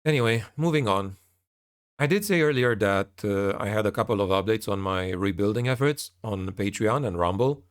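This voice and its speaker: A man's voice: lowish voice, lively intonation, moderate pace, clear, resonant tone. A man speaking casually to his viewers as a channel creator, in a hesitant, rambling, somewhat frustrated way. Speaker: YouTube narrator and channel creator. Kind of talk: casual spoken update to viewers.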